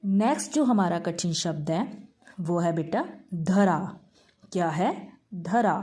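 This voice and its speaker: Slow, patient woman teaching schoolchildren. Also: on the low side, lively intonation, warm tone. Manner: slow, patient, stretches out each word for young pupils; calls pupils "beta" and mixes English words into Hindi. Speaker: primary school Hindi teacher. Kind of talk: online class lesson.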